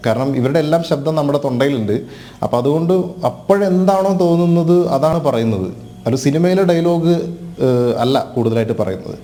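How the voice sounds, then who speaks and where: Upbeat, eager man guest. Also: on the high side. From Kerala. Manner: relaxed, affirming, eager to agree. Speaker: mimicry artist guest. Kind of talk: casual TV interview talk.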